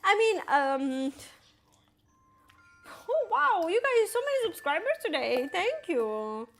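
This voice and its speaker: A woman in her twenties from Ukraine, speaking with an Italian accent, cooks while chatting casually with live-stream viewers and reading their messages aloud, saying "like" a lot. Her very high voice is very animated yet slow-paced, with soft music in the background.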